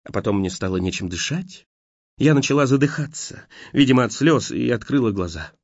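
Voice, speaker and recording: Brief: man, expressive audiobook narration, animated intonation, dull dry lo-fi recording. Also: medium pitch, brisk, dry recording. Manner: expressive reading. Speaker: audiobook reader. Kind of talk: scripted first-person narration.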